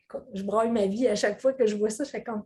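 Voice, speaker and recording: Lively Québécois woman coach. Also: mid-range voice, fast talker. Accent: Québécois French. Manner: animated, laughing storyteller with many fillers. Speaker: weight-loss coach, guest. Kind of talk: casual interview chat.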